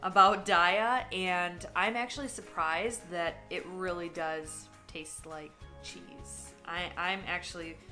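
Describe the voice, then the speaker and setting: A woman's voice: fairly low pitch, steady tone, takes it slowly, hardly any pauses, bright, forceful tone, faint music behind. A woman chatting casually while tasting food for a vlog, candid and talkative, sometimes talking with her mouth full. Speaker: vlogger. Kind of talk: casual taste-test vlog.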